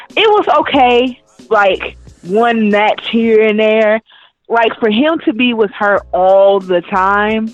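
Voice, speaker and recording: A woman co-hosting a casual wrestling chat, talking in an animated, emphatic way. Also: mid-range voice, no room sound. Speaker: podcast co-host. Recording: dry, muffled lo-fi with faint music.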